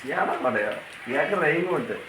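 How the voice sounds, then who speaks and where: A woman's voice: low voice, animated, a little fast. A woman vlogging her child's school day, chatting to viewers and teasing her daughter with questions, outdoors at a busy school on a rainy day. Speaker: family vlogger and mother. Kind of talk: casual vlog narration to viewers. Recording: noisy phone audio with a crowd. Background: crowd of parents and children, background noise.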